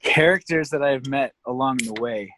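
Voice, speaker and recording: A man's voice: medium pitch, normal speed, a bit bright, no room sound. A man from Canada, a tour guide, telling rambling stories in a casual interview, laughing often and leaning on fillers.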